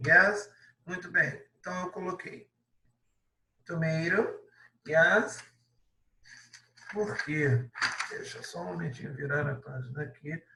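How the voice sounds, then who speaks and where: Patient Brazilian teacher in an echoey room. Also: male voice, on the high side, fairly even intonation, slow pace, pauses often, bright, forceful tone, distant mic, slight background noise. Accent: Brazilian Portuguese. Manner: patient, explains step by step, adds many tag questions. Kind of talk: classroom lesson correction.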